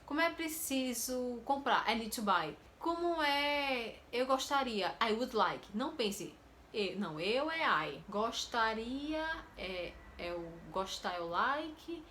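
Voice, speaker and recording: A Brazilian woman teaching English in a casual video lesson, lively and acting out inner thoughts, often repeating words. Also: fairly high pitch, slow, a little hiss or hum. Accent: Brazilian Portuguese. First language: Portuguese.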